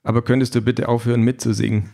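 A man's voice: medium pitch, little pitch movement, quick pace, gravelly, mellow, close to an everyday voice. A man reading a terse, glum young man. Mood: dry, glum. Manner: dry, terse.

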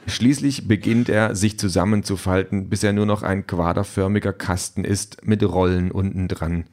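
A man narrating an audiobook in a measured, wry storytelling manner. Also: low-pitched, fairly even intonation, a little mellow.

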